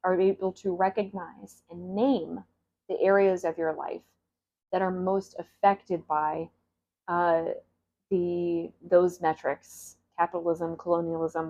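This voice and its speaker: A woman's voice: on the low side, dark tone. A woman talking candidly and with emotion to her audience, laughing and swearing now and then. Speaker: self-help creator. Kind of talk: casual motivational talk to camera. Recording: slightly dull lo-fi audio.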